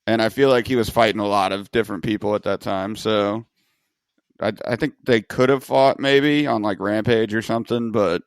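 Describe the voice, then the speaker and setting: Podcast host, New man, casual and profane, smooth low tone, dry sound. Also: steady tone, moderate pace, dry recording. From Long Island, New York. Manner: loose, joking, swears freely. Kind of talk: casual chat.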